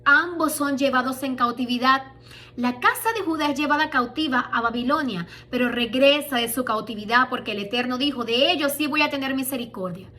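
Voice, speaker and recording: A woman's voice: high voice, fairly quick, bright, forceful tone. A woman preaching a sermon, asking rhetorical questions and reading scripture with emphasis.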